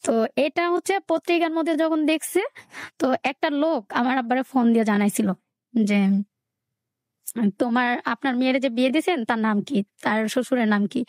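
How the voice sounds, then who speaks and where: High-voiced young woman telling her story. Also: a little fast, no room sound, studio quality. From Bangladesh. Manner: plain spoken, colloquial village speech, quoting relatives. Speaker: caller sharing a life story. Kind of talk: personal storytelling on a radio show.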